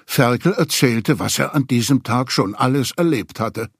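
A man reading a children's story aloud, expressive storyteller. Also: medium pitch, moderate pace, vocal fry, breathy edge, no echo, studio quality. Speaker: narrator.

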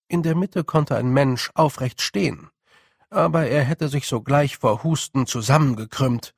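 A man reading a storybook aloud in calm, measured scripted narration. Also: medium pitch, creaky, husky, dry recording, clean studio sound. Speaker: audiobook narrator.

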